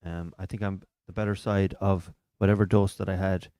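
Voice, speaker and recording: This Irish comedian and podcast host chats and tells stories full of local slang on a live stream from a small studio. His voice is low, smooth and mellow, with a flat, brisk delivery and a dry recording.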